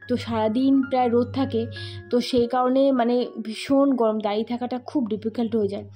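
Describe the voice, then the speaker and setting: A slightly hoarse woman narrating her home cooking vlog in a chatty way, talking straight to viewers with plenty of fillers. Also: fairly high pitch, dark tone. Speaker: cooking vlogger. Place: home kitchen.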